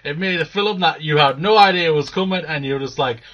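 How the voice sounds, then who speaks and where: A man co-hosting a casual movie news chat, animated and swearing freely. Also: a little high, fairly quick, lo-fi sound. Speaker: podcast co-host.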